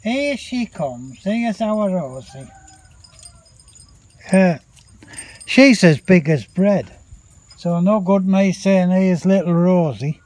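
A man with a high-pitched voice chats on camera outdoors by a pool. He speaks slowly and loosely, cursing now and then and shouting to his dogs between remarks. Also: expressive. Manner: chatty, swears mildly, calls out to dogs. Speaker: vlogger. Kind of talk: casual vlog chat.

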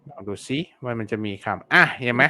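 A man's voice: medium pitch, a little fast, pushed and bright, slight background noise. A man teaching online selling in a casual live-stream lesson, chatty and repetitive, full of fillers and polite particles. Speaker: online seller teaching keyword research.

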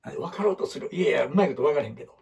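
A man's voice: fairly high pitch, animated, very fast, creaky, a little mellow. A man with an Osaka Kansai accent in a casual, blunt, rambling talk, explaining ideas with a whiteboard. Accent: Osaka Kansai dialect. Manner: blunt, rambling, acts out quotes in other voices. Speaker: photographer giving life advice.

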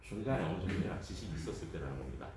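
A man who teaches high school English gives a lively classroom lecture, joking and talking straight to the students. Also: rapid-fire, a little hiss or hum. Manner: lively, jokey, addresses students directly. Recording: echoey classroom from far off.

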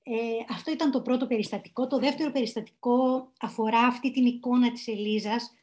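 A woman's voice: a little high, fairly even intonation, a little mellow. A woman children's author telling anecdotes about her book, chatty with small hesitations.

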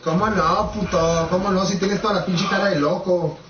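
A man's voice: high voice, steady tone, moderate pace, crowd noise. A young man from Mexico, teasing and ribbing his friends in crude, rowdy casual banter, firing off the same question again and again. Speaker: streamer commentating a fighting game match. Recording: roomy, dull sound with clear background noise.

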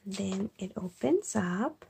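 A woman talking softly at home late at night, keeping her voice down but gushing with excitement over each item. Her voice has heavy vocal fry and a gravelly edge, at a middle pitch. A faint hiss sits under the recording. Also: slow. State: speaking quietly late at night. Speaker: craft vlogger. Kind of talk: soft-spoken unboxing chat.

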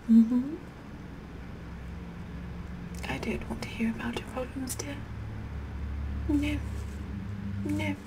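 A woman's voice: fairly high pitch, poor audio. A middle-aged woman playing a sassy, vain, condescending Queen Elizabeth the First in a whispered ASMR roleplay, repeating her words imperiously. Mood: haughty, vain. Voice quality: breathy whispering mixed with soft speech.

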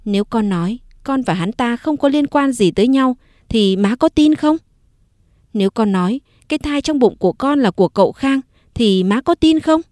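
A woman's voice: fairly high pitch, expressive, moderate pace, a little mellow, no echo, voice pushed up, natural voice. Proud wronged young wife, woman narrator voicing her, bitter and firm, dry close sound. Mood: pleading.

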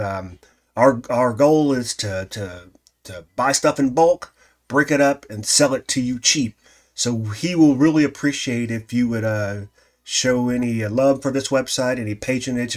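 A man in his thirties hosting a fishing vlog, talking earnestly and casually to viewers with many filler pauses. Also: medium pitch. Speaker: fishing channel host. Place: outdoors at a riverbank.

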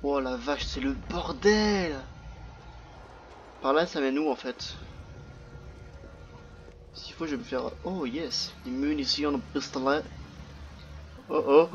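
A man giving casual let's-play commentary, chatty and jumpy, reacting out loud and swearing often. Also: fairly high pitch, takes it slowly, long pauses. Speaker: gaming video host. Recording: dull lo-fi sound with faint noise.

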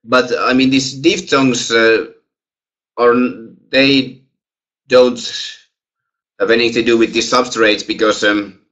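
A young Finnish-accented guest lecturer answers webinar questions over a headset on a video call, hesitant, with many fillers and restarts. His mid-range, fairly bright voice is level and slow, with frequent pauses.

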